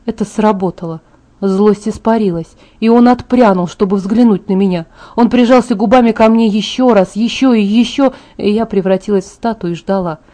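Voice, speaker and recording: A woman narrating a novel in the first person as an audiobook reader, with a measured, even read. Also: medium pitch.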